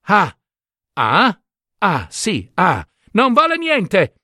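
A man voicing a haughty young princess who talks in a shrill, mocking, imperious way. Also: big pitch swings, measured pace, a bit bright, no echo, studio quality. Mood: scornful. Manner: shrill, scornful, dismissive.

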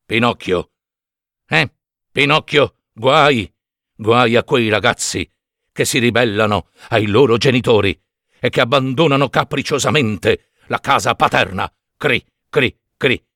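A man's voice: mid-range voice, pushed and bright, no room sound, studio quality. A man voicing a patient, moralizing old male cricket who chirps as he speaks. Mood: lecturing. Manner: slow moralizing, chirps cri cri.

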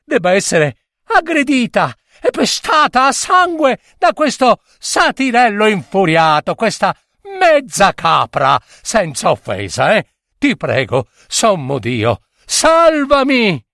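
A frightened young maiden, put on by a male storyteller, stammers breathlessly as she begs a sea god for help. The voice rises high and swings wildly in pitch, cheeky even in her panic. It is a dry, close recording of a told myth. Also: takes it slowly, creaky, no echo, exaggerated voice. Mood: pleading frantic.

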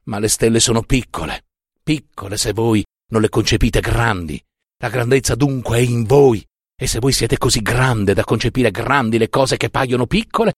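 A man's voice: mid-range voice, no echo, studio quality. A man voicing an indignant young male professor who scolds and mocks with emphatic reproach.

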